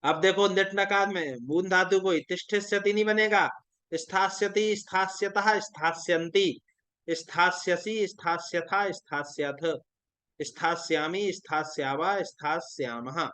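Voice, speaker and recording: A young man teaching Sanskrit grammar in an online exam-prep lesson, reciting verb forms in a steady rhythmic drill and correcting pronunciation. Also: sits high, a little slow, clean tone.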